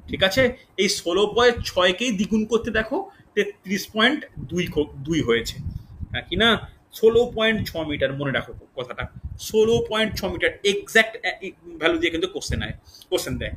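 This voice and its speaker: A man with a high, bright voice teaches a physics class for exam candidates. He quizzes his students, stops to have them note things down, and says the key figures twice at an easy pace. A faint hiss sits under the recording. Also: poor audio. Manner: asks students questions and repeats key figures slowly. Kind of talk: live online physics class. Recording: faint background noise.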